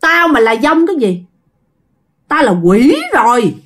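A woman's voice: high voice, sing-song, a little slow, a bit bright, full character voice. A woman voicing the furious ghost of a girl who drowned, ranting scornfully through a possessed old woman.

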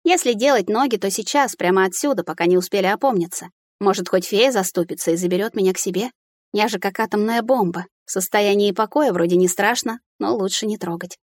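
A woman narrating a first-person fantasy audiobook with an emotional, expressive delivery. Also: mid-range voice, brisk, no echo, studio quality. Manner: emotional, expressive reading with tearful dialogue.

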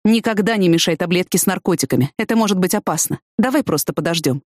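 A woman reading an audiobook, voicing a blunt, hot-tempered young man who speaks in a gruff, matter-of-fact way. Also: lowish voice, lively intonation, quick pace, darkish tone, no echo, studio quality.

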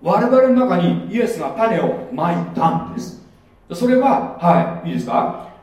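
A middle-aged man preaches in a high, swooping voice that rises and falls freely. He keeps it conversational, quizzing his listeners as he goes. The sound is heavily echoey and picked up from well back in a large hall. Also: sing-song, moderate pace, darkish tone. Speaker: pastor. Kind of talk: sermon. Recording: echoey hall, mic far off.

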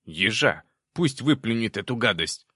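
A man voicing an excitable, demanding little male demon spirit in a storybook reading, loud and panicky. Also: fairly low pitch, slow, no echo, studio quality, full character voice. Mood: excited.

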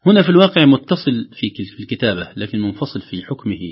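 A man teaching Quran recitation rules, drawing out each quoted verse slowly between quick explanations. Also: mid-range voice, very animated, husky, dull audio.

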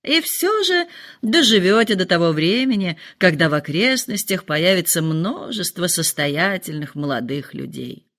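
A woman's voice: fairly low pitch, measured pace, full character voice. Woman playing a dry, ironic husband. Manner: dry, calm, mildly ironic. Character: dry, teasing middle-aged husband.

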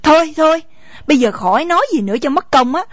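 A woman's voice: high voice, expressive, fast, dry recording. A woman voicing a proud, sulky young wife with a Southern Vietnamese accent, talking in a mocking, sarcastic way. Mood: defiant. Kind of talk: radio drama acting. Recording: dull lo-fi recording, faint music.

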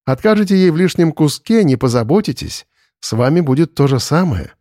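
A man voicing a calm, wise older woman who speaks in a measured, reproachful way in an audiobook. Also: on the high side, dry recording, studio quality. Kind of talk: audiobook character voice.

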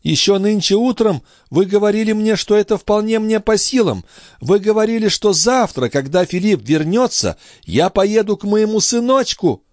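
A man reading a frantic young noblewoman and grieving mother in an audiobook, pleading and then rising to shrill commands. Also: expressive, normal speed, a little mellow, no echo, clean studio sound.

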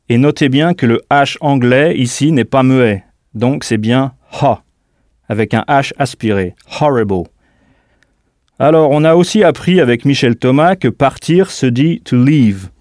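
A man's voice: mid-range voice, a little mellow, no room sound, studio quality. A man teaching a scripted audio language lesson, carefully modelling pronunciation and spelling words out letter by letter. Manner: models pronunciation slowly and deliberately.

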